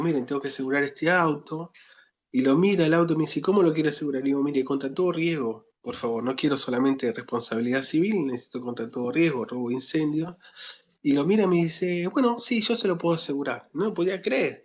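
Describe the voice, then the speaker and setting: A man's voice: fairly high pitch, dull audio. A man with an Argentine accent, a pastor telling a personal testimony in a sermon, chatty and full of fillers. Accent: Argentine Spanish. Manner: conversational storytelling, many fillers.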